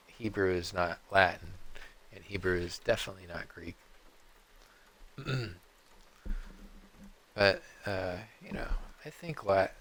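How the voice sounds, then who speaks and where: A man streaming a game, rambling off on tangents and often clearing his throat. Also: deep voice, a bit bright. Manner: meandering, digressive, frequent throat clearing. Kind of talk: rambling live-stream commentary.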